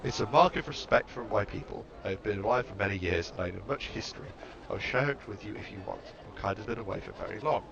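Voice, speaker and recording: A man voicing an ancient, trembling, awed female servile creature in a game, reading her lines slowly and reverently. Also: on the low side, creaky. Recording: muffled lo-fi mic with background noise.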